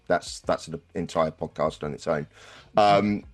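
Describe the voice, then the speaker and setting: On a casual football podcast, a man reviews the season's results in a relaxed, wry way, swearing here and there. His voice is very deep and a little slow.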